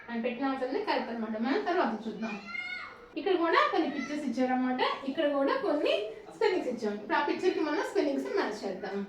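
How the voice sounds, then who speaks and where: A woman's voice: high-pitched, big pitch swings, very fast, recorded from a distance. A woman teaching a phonics lesson to young children. She asks questions, answers them herself and spells each word out letter by letter. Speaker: play school teacher. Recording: echoey room, voice from off the mic, faint room noise.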